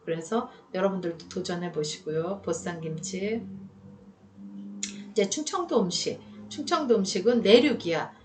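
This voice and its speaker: A woman's voice: mid-range voice, moderate pace. Chatty Korean woman lecturing on food. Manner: chatty, addresses students as 여러분, asks rhetorical questions. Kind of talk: recorded lecture. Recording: voice a bit far from the mic.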